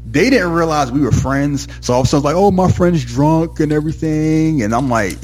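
A man, married, telling a story in candid casual chat, animated and swearing freely. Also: a little high, brisk, soft background music.

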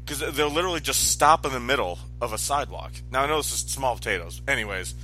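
A man's voice: medium pitch, animated, fast talker, sharp tone, soft background music, poor audio. A man in his forties chatting casually, rambling and correcting himself as he goes. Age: 40s. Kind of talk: casual chat.

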